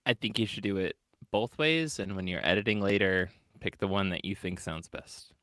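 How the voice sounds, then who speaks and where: A man's voice: low voice, moderate pace, no echo, clean studio sound. A man co-hosting a podcast, joking in casual chat. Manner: joking, animated. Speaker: podcast co-host.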